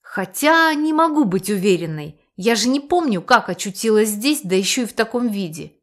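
A woman reads a first-person audiobook with a wry, lively storytelling manner. Her voice sits in an ordinary middle pitch. She keeps a conversational, humorous tone. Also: moderate pace. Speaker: audiobook narrator.

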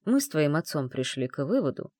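A woman's voice: low voice, big pitch swings, fairly quick, a little mellow, no room sound, clean studio sound. A woman voicing a smug, arrogant young male fiancé with a drawling delivery.

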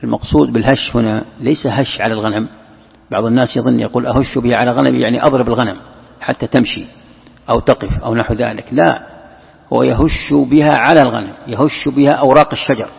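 A man's voice: medium pitch, fairly even intonation, quick pace, gravelly, breathy edge. A man giving a scripture commentary lesson. He poses questions, answers them himself and repeats key phrases. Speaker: religious teacher. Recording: echoey hall, dull lo-fi sound.

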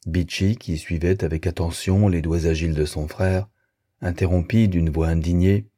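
A man reading a novel aloud in a measured, even audiobook narration. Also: low-pitched, no echo, clean studio sound.

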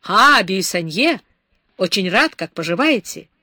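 A woman's voice: medium pitch, lively intonation, a little slow, sharp tone, dry recording. A woman voicing a weary young male doctor who speaks in a wry, resigned way, read close to a dry microphone.

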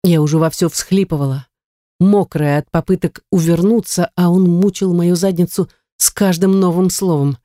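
An audiobook narrator reading a first-person story in a steady, measured way. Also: medium pitch, dry recording, studio quality.

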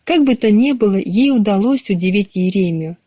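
Brief: female audiobook narrator, mid pitch, measured delivery, dry booth. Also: dry recording. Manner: measured storytelling, even reading. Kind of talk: scripted narration.

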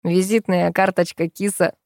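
A woman voicing a calm, sarcastic man who drawls his teasing remarks in a storybook. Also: on the low side, moderate pace, creaky, dry recording, studio quality. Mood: mocking. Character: calm mocking man, sly and unflappable.

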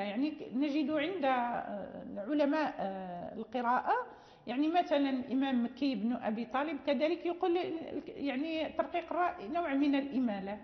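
A woman teacher giving a classroom lecture, explaining patiently, checking that students follow, with frequent fillers and restarts. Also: high voice. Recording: dull lo-fi audio with long reverb.

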